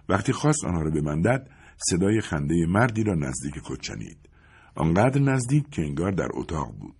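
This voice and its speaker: A man reading a story aloud as narrator, in an expressive, measured way. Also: a bass voice, gravelly, breathy edge.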